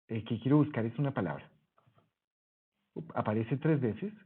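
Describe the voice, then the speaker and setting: A man's voice: mid-range voice, expressive, moderate pace. A man teaching a Greek lesson over a screen recording, explaining patiently and correcting himself as he goes. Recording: husky voice, phone-like narrow sound.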